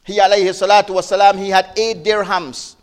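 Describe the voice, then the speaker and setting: A man giving a sermon as a preacher, telling a story with emotive rises and hushed drops, repeating words and restarting. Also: little pitch movement, brisk. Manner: emotive, rises and drops sharply in pitch and loudness; repeats words and restarts, non-native phrasing.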